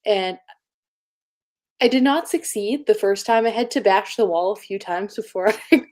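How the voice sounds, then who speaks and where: A young woman chatting casually on a livestream, telling a story in an animated way with frequent laughter. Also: mid-range voice, normal speed. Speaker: co-host of a productivity stream.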